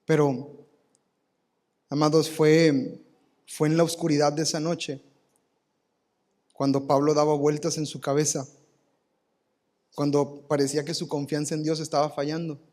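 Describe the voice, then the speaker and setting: A man preaches from a church pulpit in a voice on the higher side. He is lively and playful, slipping into little voices for the people he quotes. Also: unhurried, long pauses. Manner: animated, acts out quoted voices with humor. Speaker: pastor. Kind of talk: live sermon. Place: church sanctuary.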